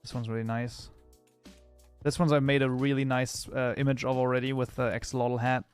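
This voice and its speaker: A man streaming his game modding live, chatting casually and reacting to chat in an excitable, rambling way. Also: medium pitch, a little fast, clean tone, soft background music.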